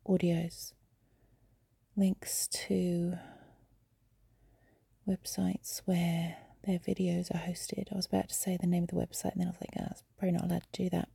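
Young woman whispering in bed, husky breathy, low mellow tone, close phone mic. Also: no echo. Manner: soft breathy whisper, unhurried and confiding. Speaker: amateur audio creator. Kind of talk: whispered intimate audio diary. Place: in bed, lying on her side. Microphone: phone held close.

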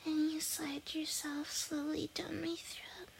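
A woman speaking in a breathy whisper, soft and pleading, in an intimate ASMR roleplay. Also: sits high, flat delivery, slow pace, very noisy. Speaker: audio roleplay performer.

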